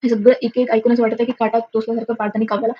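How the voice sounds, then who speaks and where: A woman's voice: fairly high pitch, flat delivery, very fast, breathy edge. A woman casually retelling a TV serial episode, rambling with lots of filler sounds and restarts. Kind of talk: casual spoken episode recap. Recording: dull lo-fi audio with faint noise.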